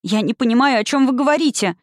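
A woman's voice: high voice, animated, quick pace, dry recording, studio quality, voice pushed up. A woman reading an audiobook, voicing a frightened little girl who pleads and stammers. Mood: frightened, pleading.

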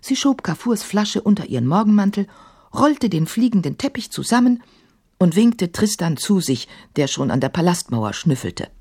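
A woman narrates a children's fairy tale with playful expression. Her slightly husky voice sits fairly low. It swings widely in pitch as she reads. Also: big pitch swings, normal speed, mellow.

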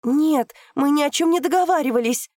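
A woman reading an audiobook, voicing a desperate young woman who pleads in high, loud outbursts. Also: slow, dry recording, studio quality.

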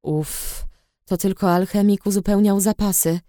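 A woman voicing a sly, charming young man who speaks quietly, in an audiobook reading. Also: a little slow, no room sound, clean studio sound, lightly acted. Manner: hushed, low-key. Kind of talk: audiobook character voice.

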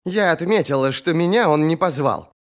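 A man reading an audiobook, voicing a fierce, sharp-tongued young woman warrior who speaks bluntly and mockingly. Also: fairly high pitch, animated, normal speed, pitched above the performer's own voice. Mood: scornful. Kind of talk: audiobook character voice.

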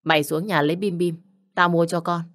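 A woman reading a storybook, voicing an angry, jealous young husband who shouts insults and accusations. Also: lowish voice, steady tone, a little fast, lightly acted. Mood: furious. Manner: shouting insults, coarse and bullying.

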